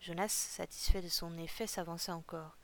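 A woman reads a novel aloud in a calm, steady way. Her voice is low and gravelly, and it barely rises or falls. The delivery is that of an audiobook. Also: moderate pace. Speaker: narrator reading a novel. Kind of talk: audiobook reading.

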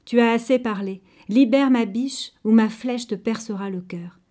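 An icy, commanding goddess of the hunt, as a storyteller puts her on. She speaks with cold authority in a mellow, warm voice, clear and measured, as in a storybook reading. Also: a little high, lightly acted. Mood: threatening.

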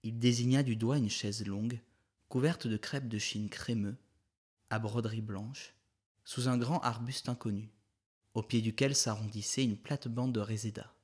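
A man narrating a short story in a measured, even literary reading. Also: on the low side, slightly rough.

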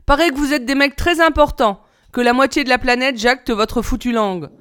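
A woman reading a children's novel aloud, lifting her pitch for the characters' lines. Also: a little fast, fairly bright tone, clean tone. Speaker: reader.

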